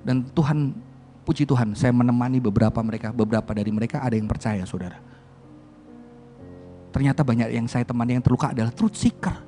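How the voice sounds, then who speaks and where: A man preaching a sermon in a conversational storytelling style, acting out dialogue and swinging between quiet and loud. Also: fast talker, pauses often, soft background music. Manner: storytelling with acted dialogue, addresses congregation as brothers and sisters; wide swings in pitch and loudness, chuckles often.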